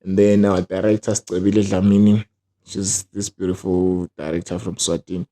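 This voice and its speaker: Southern african guy, soft dark lowish voice, slangy animated storytelling, casual interview. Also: moderate pace. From Zimbabwe. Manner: casual, slang-laden, acts out quoted speech. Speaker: ventriloquist, interview guest.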